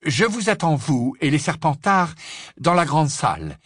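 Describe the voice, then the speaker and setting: A man's voice: on the high side, sing-song, unhurried, husky, no echo, studio quality, voice pushed up, exaggerated voice. McGonagall: a man putting on a stern, commanding old witch. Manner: clipped orders, shouting when roused. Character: stern older female witch professor, commanding.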